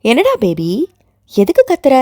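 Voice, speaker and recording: A young heroine in a romantic audio drama, emotional and pleading, with a bright, lively, swinging voice, as a woman narrator plays her. She speaks earnestly from the heart. Close, dry recording. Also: fairly high pitch, moderate pace, no room sound. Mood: playful teasing. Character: young woman, tearful guilt-ridden heroine.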